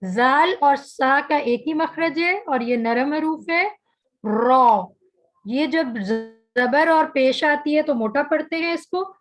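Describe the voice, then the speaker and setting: A woman teaching an online tajweed class, saying each letter slowly and carefully, then patiently explaining how it is made. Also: high-pitched, low-quality recording. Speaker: Quran recitation teacher.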